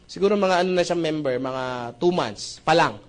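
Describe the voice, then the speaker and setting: A man's voice: on the high side, normal speed. A man presenting membership benefits to a live audience in a joking sales talk, often checking in with the crowd with rhetorical questions. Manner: jokey, with frequent rhetorical "tama ba?" checks; addresses the audience as brothers and sisters.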